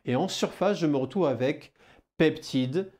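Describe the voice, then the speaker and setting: Animated southwestern French teacher. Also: male voice, a little high, unhurried. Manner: animated, addresses the viewer as "kid", rhetorical questions. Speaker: biology teacher. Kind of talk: lively video lesson.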